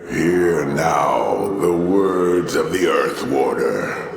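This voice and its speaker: Imperious game dragon, very deep, gravelly, menacing, echoing. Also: male voice, animated, drawn-out words, heavily acted. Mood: commanding. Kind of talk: video game villain acting. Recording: echoey, clearly noisy game ambience.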